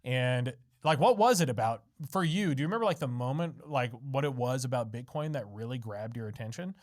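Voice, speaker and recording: A man's voice: mid-range voice, lively intonation, fairly quick, a little mellow, no room sound, studio quality. Easygoing male podcast host. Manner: rambling, frequent "mm-hmm" backchannel. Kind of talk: casual interview chat.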